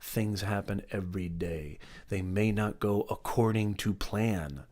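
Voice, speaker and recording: Emphatic low-voiced middle-aged man. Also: unhurried, a little mellow. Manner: emphatic and repetitive, greets viewers by name. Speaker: motivational live-stream host. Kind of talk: live-stream motivational talk.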